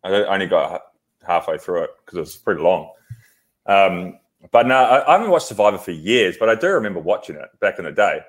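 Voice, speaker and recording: A man's voice: low voice, very animated, fairly quick. A man talking casually and informally as a co-host on a podcast. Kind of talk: casual chat.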